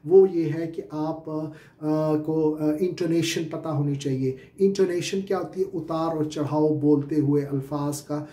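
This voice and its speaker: A man's voice: on the high side, fairly even intonation, unhurried, few pauses, dark tone, roomy sound. A Pakistani-accented man teaching spoken English as a lecture, explaining step by step with many filler sounds and repeated questions. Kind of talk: classroom-style lecture.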